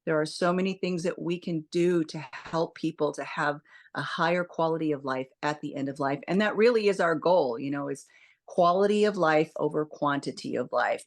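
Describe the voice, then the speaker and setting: A woman with a slightly low voice talks as a guest expert in an interview. She is a hospice nurse who explains in plain, informative terms and addresses the listener directly.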